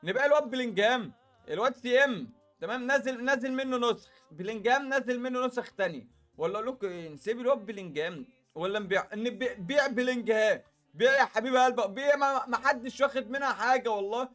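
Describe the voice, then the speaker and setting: A man's voice: very high-pitched, animated, quick pace, fairly bright tone. A young man with an Egyptian Arabic accent giving casual gameplay commentary. He chats straight to his viewers and fills his talk with asides. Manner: chatty, talks straight to viewers with lots of filler asides. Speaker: gaming YouTuber.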